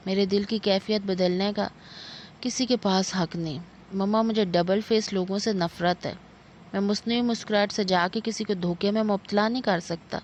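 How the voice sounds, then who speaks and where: A woman voicing a heartbroken young man who speaks softly, slowly and wearily. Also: mid-range voice, fairly even intonation, close to an everyday voice. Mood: firm. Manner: quiet, slow and tired. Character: weary heartbroken young man, soft-spoken son. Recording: dull lo-fi with faint noise.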